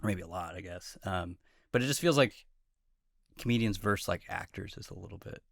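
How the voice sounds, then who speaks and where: A man's voice: low-pitched, a little fast, gravelly. A man from the Pacific Northwest hosting a casual podcast interview, rambling and full of filler words as he asks questions. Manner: rambling, many filler words, warm to his guest. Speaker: podcast host. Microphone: podcast mic.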